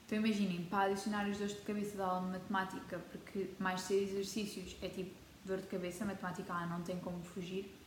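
A woman's voice: medium pitch, flat delivery, fast talker, a little hiss or hum. Chatty, dramatic teen girl, European Portuguese accent. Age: teens. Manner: chatty, dramatic, mixes in English words. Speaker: vlogger. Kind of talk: casual chat to camera. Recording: echoey room with faint ambience.

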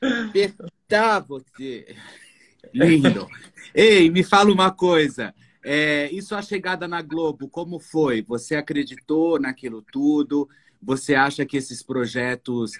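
A man interviewing a guest in a relaxed chat, asking playful, teasing and affectionate questions. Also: fairly high pitch, takes it slowly.

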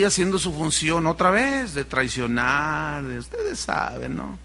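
Mexican pastor, male; animated preaching with mocking asides, pitched high. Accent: Mexican Spanish. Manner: animated, mocking impersonations of others. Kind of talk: sermon.

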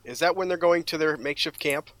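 Chatty man with a higher voice. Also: fast talker, a bit bright, dry recording. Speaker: podcast co-host. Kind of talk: casual chat.

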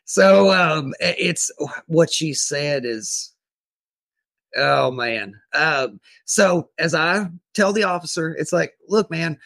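Recorded with no echo, a slightly high, creaky-voiced man shares a first-person account of a tense police encounter as a podcast guest telling his self-defense story. He animatedly acts out his own lines, stumbling into restarts and repeated words.

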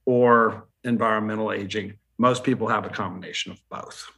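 Casting: chatty skincare specialist, male, bright tone, rambling restarts. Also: fairly low pitch, fairly even intonation, moderate pace, vocal fry. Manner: rambling, self-correcting, chatty. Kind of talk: casual panel chat.

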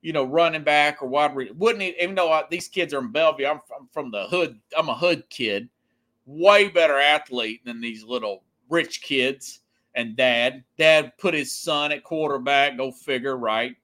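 Pushed and bright, with a medium pitch and normal speed, this man in his forties hosts a sports talk show. He shares anecdotes and emphatic, casual opinions in a conversational style.

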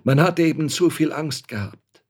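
A man voicing a trembling young soldier who whispers nervously, pitched above his own voice. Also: normal speed, breathy edge.

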